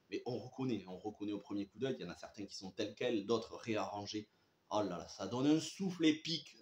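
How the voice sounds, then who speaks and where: Young French man, excited chatty reviewer, lowish voice, roomy echo. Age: young adult. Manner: enthusiastic, chatty, many fillers and restarts. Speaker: series reviewer. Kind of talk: casual spoken review. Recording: echoey room.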